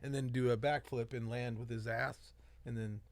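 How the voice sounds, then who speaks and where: A man's voice: medium pitch, flat delivery, normal speed, dry recording. A man co-hosting a comedy podcast, telling rambling, crude stories with plenty of swearing. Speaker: podcast co-host. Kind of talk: casual comedy podcast chat.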